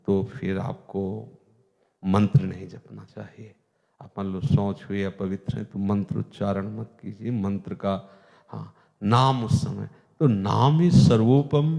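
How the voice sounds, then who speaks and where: Slow, dark-voiced spiritual teacher in a hall. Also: male voice, medium pitch. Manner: earnest, emphatic devotional teaching. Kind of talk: devotional discourse. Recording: long hall reverb.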